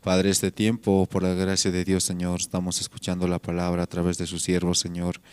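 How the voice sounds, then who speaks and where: A man's voice: sits low, completely flat delivery, fairly quick, a little mellow, smooth, no room sound. A man with a Bolivian Spanish accent leading a spoken prayer, saying "Lord" between every phrase. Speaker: pastor leading prayer service.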